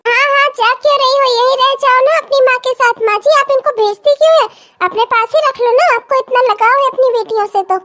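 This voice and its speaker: Jealous, sarcastic cartoon daughter-in-law. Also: female voice, very high voice, steady tone, brisk. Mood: complaining. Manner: sarcastic, complaining, falsely sweet. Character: jealous, sharp-tongued young daughter-in-law. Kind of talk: cartoon comedy voice acting.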